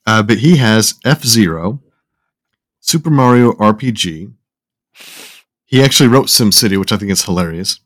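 A man hosting a casual gaming podcast, talking in halting starts and reading listener lists aloud. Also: lowish voice, expressive, fairly bright tone. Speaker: podcast host.

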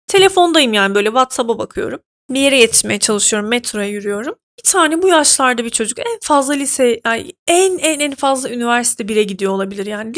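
A woman hosting a podcast, telling a story in an indignant, animated way with many fillers. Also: fairly high pitch. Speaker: podcast host. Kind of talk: casual podcast monologue.

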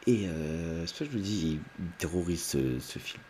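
A man with an extremely deep voice recaps a film for his video audience, loose and unscripted, stumbling through fillers and restarts. Now and then he jumps up in pitch to act out a character's line. A faint hiss runs under the recording. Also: expressive, moderate pace, darkish tone. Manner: rambling, many fillers and restarts; briefly acts out lines in raised voices. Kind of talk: unedited casual retelling.

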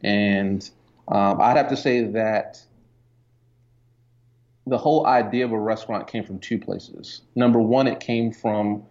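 A Jamaican man, an entrepreneur and photographer appearing as a guest, chats casually in an interview, relaxed and full of fillers. His voice is fairly low and a little slow, with long pauses. The recording has a dull, lo-fi sound.

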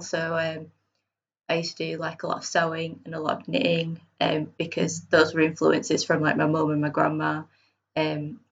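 Female podcast guest, Bradford accent, creaky and a little husky, informal, self-deprecating, slightly lo-fi sound. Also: low voice. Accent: Bradford, West Yorkshire. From Bradford, northern England. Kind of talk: casual conversational interview.

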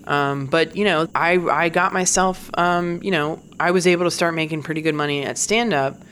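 A woman's voice: sits low, normal speed, fairly bright tone, slight background noise. A woman comedian in her forties, talking in a candid, profane casual monologue and laughing now and then. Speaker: stand-up comedian.

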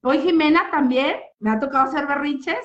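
Speaking fairly quickly in a high, rather bright voice, a woman recounts her personal therapy experience with real feeling. She often tosses in tag questions to check in, all captured on dull, muffled lo-fi audio.

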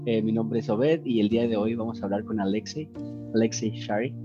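A man's voice: fairly low pitch, fast talker, dull audio, music in the background. A man from Mexico with a Mexican accent, a native Spanish speaker hosting a podcast in a casual, chatty style. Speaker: podcast host. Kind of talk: casual chat.

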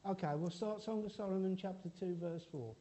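Preaching an informal church sermon, a man jokes with the congregation in a chatty way and keeps stumbling into restarts. His voice is a little high for a man, mellow and warm, and moves a little fast.

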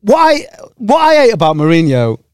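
A man's voice: sits high, huge pitch swings, moderate pace, a little mellow, smooth, no room sound, clean studio sound. A young man in his twenties, co-hosting and joking in casual banter, swearing freely. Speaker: podcast co-host.

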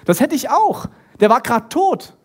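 A preacher retelling a Bible story in a lively sermon, acting out the characters and speaking straight to the listener. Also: high voice, normal speed, slightly rough. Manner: animated, acts out the characters and talks straight to the listener.

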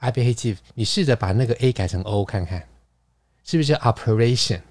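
A man's voice: lowish voice, animated, a little fast, a little mellow, no room sound. A man hosting a casual podcast, playful and chatty, explaining words at length with frequent laughs. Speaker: podcast host. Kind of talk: casual chat.

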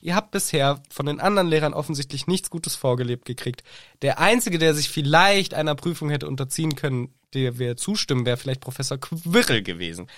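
A man's voice: a little high, expressive, brisk, a bit bright, no echo. A man voicing a smug, condescending older female headmistress, lecturing in a prim tone.

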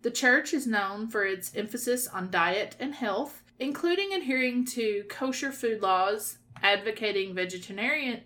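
A woman's voice: a little high, lively intonation, measured pace, hardly any pauses, a bit bright. Southern Kentucky woman co-hosting a podcast. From Kentucky, USA. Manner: reads notes aloud, stumbles on names, laughs at herself. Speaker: podcast co-host. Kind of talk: casual true-crime podcast chat.

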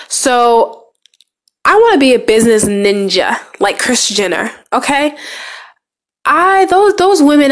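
Young woman, stuffy and congested, halting motivational talk with lots of fillers, mid-pitched. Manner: halting, many fillers and restarts. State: stuffy nose from a cold. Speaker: speaker sharing goals.

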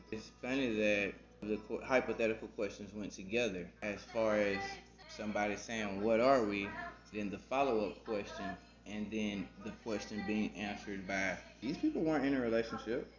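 A man with a Southern US accent co-hosting a podcast in casual chat. He talks loose and playful, repeats his words and uses slang. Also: on the low side. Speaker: podcast co-host. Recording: roomy, slightly dull podcast audio.

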